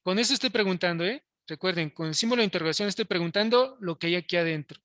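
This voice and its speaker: Bright-voiced teacher coding live. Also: male voice, high-pitched, quick pace, dry recording, studio quality. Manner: explains step by step, checks in with students often. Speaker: programming teacher. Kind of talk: live coding lesson to students.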